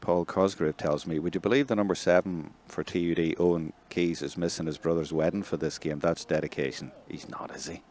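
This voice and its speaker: A man with a Northern Irish accent giving live play-by-play commentary, chatty between plays and excitable when a score comes. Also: low voice, fairly quick, few pauses. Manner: conversational, excitable on big plays. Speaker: match commentator.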